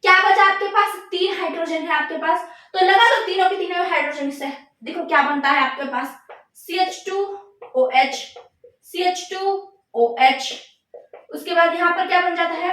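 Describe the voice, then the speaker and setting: A woman chemistry teacher lecturing a class, asking questions and repeating the answers slowly, mixing in English terms. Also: very high voice, bright, forceful tone. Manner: mixes Hindi with English terms. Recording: echoey room, voice from far off.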